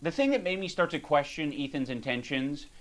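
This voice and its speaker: A man with a fairly high voice delivers video commentary. He is blunt and emphatic, leaning on his points and swearing freely. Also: expressive, brisk. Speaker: reaction commentator.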